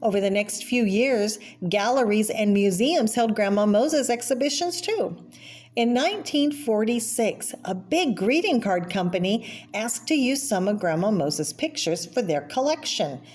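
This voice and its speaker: This woman's voice sits on the high side and sounds a little mellow, with a lively lilt. Reading a picture book to children, she breaks off to point out what's in the illustrations and explain them informally.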